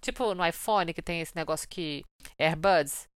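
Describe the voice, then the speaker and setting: A woman from Brazil chatting casually and telling lively stories, acting out what people said. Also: on the low side, moderate pace, clean tone, no room sound, studio quality. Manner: lively storyteller, acts out quoted lines. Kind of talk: casual chat.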